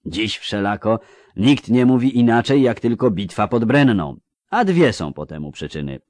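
A man reading a fantasy novel aloud in a measured, dramatic way. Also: on the low side, sing-song, darkish tone, no echo. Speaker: audiobook narrator. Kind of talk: scripted literary narration.

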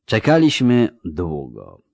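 A man voicing an ancient, aloof male elf sage who speaks slowly, quietly and with measured calm. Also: low-pitched, gravelly, no room sound, voice pushed down, full character voice. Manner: slow, quiet, measured speech.

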